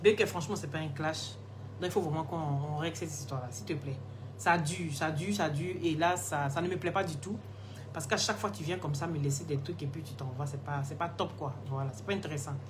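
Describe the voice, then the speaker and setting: A woman's voice: sits low, fairly quick, background noise. A woman hosting a casual live stream, answering viewer comments in a chatty, teasing way and laughing often, recorded on a phone. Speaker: live-stream host selling skin products.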